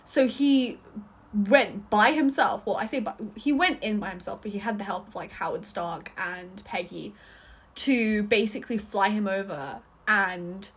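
Chatty young woman, slightly husky. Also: mid-range voice. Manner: chatty, rambling, many fillers and restarts. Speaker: film reviewer. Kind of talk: casual video review.

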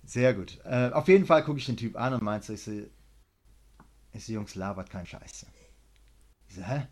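Blunt martial arts coach, man, mid-pitch voice, lively storyteller who swears a lot. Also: a little fast. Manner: animated, acts out both sides of a story, swears freely; gets loud when worked up. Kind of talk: casual storytelling in a podcast interview.

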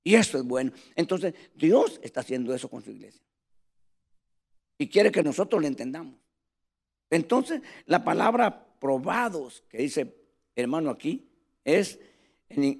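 A man preaches a sermon in a high, gravelly voice. He tells his stories with animation and keeps calling his listeners brothers. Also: very animated, measured pace, long pauses, a little mellow.

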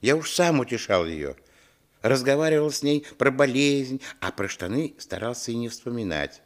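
In a dramatised literary radio play, an actor plays a man looking back on his village childhood, narrating in a reflective storytelling way. His medium-pitched voice is expressive and close to everyday speech, at a moderate pace.

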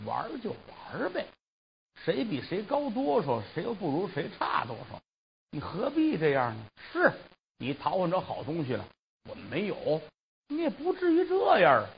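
Brief: man doing traditional spoken storytelling, lively pitch, chatty asides; old dull tape with hiss. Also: creaky. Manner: animated, colloquial, conversational asides.

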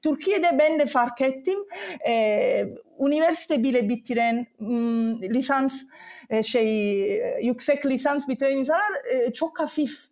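High-pitched foreign woman, halting broken Turkish. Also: a little mellow. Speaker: interview guest. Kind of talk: casual conversational interview.

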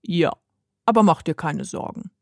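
A woman voicing a cheerful, cheeky little male bird who talks calmly and soothingly in a lowered voice, in a storybook reading. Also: normal speed, no room sound, studio quality. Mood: calm teasing. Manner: calm, soothing, playful.

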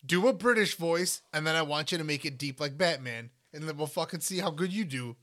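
Brief: young male co-host, bright tense tone, slightly high, loose filler-heavy chatter. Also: a little fast. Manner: rambling, filler-heavy, swears when worked up. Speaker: podcast co-host. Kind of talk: casual chat.

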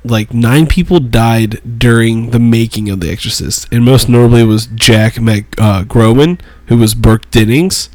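A congested man chatting casually as a podcast co-host, lively and quick to restart his sentences. His voice sits at an ordinary middle pitch and sounds dry and close, with no room around it. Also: no echo. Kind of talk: casual chat.

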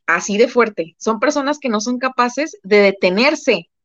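A woman's voice: fairly high pitch, expressive, measured pace, dry recording. A woman with a Mexican Spanish accent talks casually as a live-stream co-host, stressing her points by repeating them. The sound is dull and dry, with no room around her voice. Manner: emphatic, repeats phrases for effect.

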